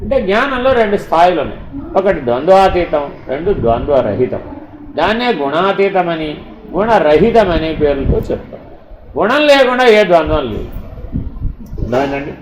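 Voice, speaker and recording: Animated man giving a spiritual discourse. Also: a little high, normal speed. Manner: rhetorical questions, animated swings between loud and hushed. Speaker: spiritual teacher. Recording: echoey room with faint ambient noise.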